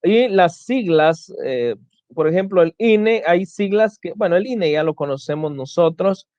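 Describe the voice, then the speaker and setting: A man lectures a class at an unhurried, deliberate pace, his voice sitting a little high for a man. He explains step by step and often circles back to restart a phrase. The sound is dry and somewhat dull and lo-fi. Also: lively intonation, darkish tone, dry recording. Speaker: teacher.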